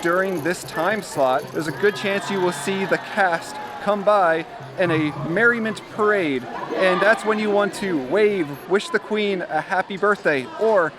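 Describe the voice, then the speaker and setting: High-pitched man explaining over outdoor noise. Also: a little slow. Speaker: host of a festival guide video. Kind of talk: casual explanatory talk to camera. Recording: noisy outdoor urban ambience.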